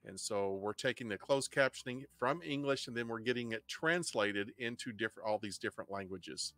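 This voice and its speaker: A middle-aged man with an Ozark Missouri twang, explaining things haltingly like an informal history teacher, rephrasing as he goes. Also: mid-range voice, a bit bright, dry recording. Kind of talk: informal online history lecture. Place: indoor home studio. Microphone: desk microphone up close, headset on.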